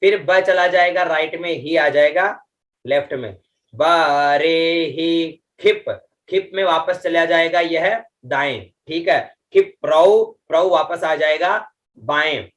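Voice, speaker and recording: A bright-voiced man teaches an online lesson, chanting Vedic mantras at a slow, drawn-out pace and explaining pitch accents as he goes. Patient throughout, he frequently says "है ना" and "ठीक है."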